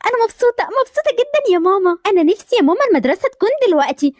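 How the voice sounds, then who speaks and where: A woman voicing an excited little girl with an Egyptian accent, gushing over a gift. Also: extremely high pitch, very fast, no room sound, studio quality. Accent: Egyptian Arabic.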